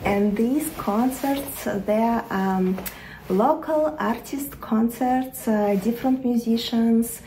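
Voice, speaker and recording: Chatty woman vlogging with a mellow voice. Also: on the high side, takes it slowly, roomy sound, a little hiss or hum, low-quality recording. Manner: chatty, enthusiastic, many fillers. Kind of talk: casual vlog talk to camera. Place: home living room, then city streets.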